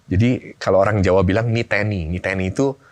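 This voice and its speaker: Speaking fairly quickly in a low voice, this middle-aged man appears as a guest on a talk show about family life. He chats easily and brings his stories to life by performing the family conversations himself.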